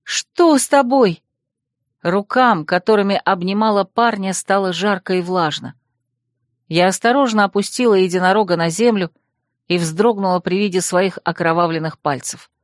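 A woman's voice: lowish voice, normal speed, no echo. Woman narrating an audiobook, dry and close. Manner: expressive storytelling. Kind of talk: first-person audiobook narration.

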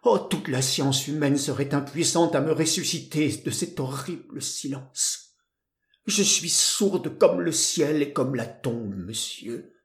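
A man reads a solemn young woman who speaks low and bitter, full of quiet despair. The voice stays close to his own, soft and grave, in a roomy, echoing space. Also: slow. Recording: roomy echo.

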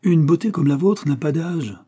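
A man voicing a flattering, scheming middle-aged fortune hunter in a storybook reading, with a gushing, wheedling delivery. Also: medium pitch, fairly quick, husky.

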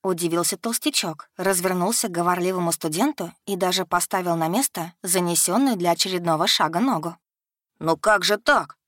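A woman narrating a fantasy story in an even, unhurried reading. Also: lowish voice, no echo, clean studio sound. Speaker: audiobook narrator.

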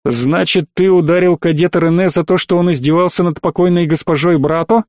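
A man's voice: on the high side, steady tone, brisk, darkish tone, dry recording, clean studio sound, close to an everyday voice. A man voicing a stern military colonel who questions in a cold, hard tone, in an audiobook. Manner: cold, interrogating.

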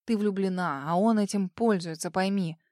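A woman's voice: medium pitch, moderate pace, mellow, dry recording, clean studio sound, lightly acted. Woman voicing a remorseful male lawyer. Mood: earnest. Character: weary remorseful male lawyer, middle-aged. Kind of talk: audiobook character voice.

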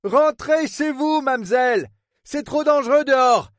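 A man voicing a gruff, fretful middle-aged male harbor superintendent in an audiobook, speaking bluntly and rustically, full of oaths. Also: very high voice, moderate pace, a bit bright, no echo, clean studio sound, pitched above the performer's own voice. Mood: worried, pleading. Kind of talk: audiobook character voice.

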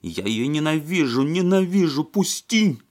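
A man's voice: normal speed, natural voice. A man voicing a spiteful, envious woman who shrieks her lines in an audiobook. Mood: shrill, hateful. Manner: shrill, shrieking.

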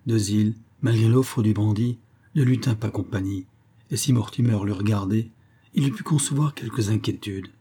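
A man reading a novel aloud in steady, measured scripted narration. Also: on the low side, breathy edge. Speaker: audiobook narrator.

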